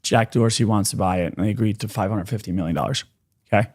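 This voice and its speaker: Man, podcast co-host, animated storyteller, casual chat, quick restarts. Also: lowish voice.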